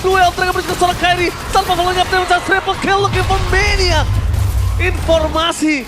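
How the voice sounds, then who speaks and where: An Indonesian man shoutcasting esports like a fighting-game announcer, with excited, dramatic, drawn-out calls. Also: very high-pitched. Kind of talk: excited live game commentary. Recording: music behind the voice.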